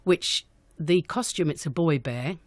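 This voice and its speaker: A woman guest, an amateur pantomime director, answers questions in an unscripted radio interview, chatty and enthusiastic. Her voice sits low and a little slow, with no echo.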